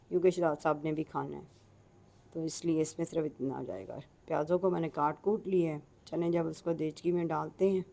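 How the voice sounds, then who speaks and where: A middle-aged woman with a Punjabi accent talks viewers through a home recipe in a casual cooking vlog. Her voice sits a little low and sounds mellow and warm. She chats in a folksy way and addresses her listeners politely. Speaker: home cook.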